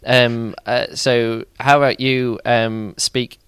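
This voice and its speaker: A man's voice: medium pitch, level tone, takes it slowly, a bit bright, clear, resonant tone, no echo. Outspoken guy rambling on his podcast, lots of ums, dry close mic. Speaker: podcast host. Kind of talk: casual podcast monologue and interview.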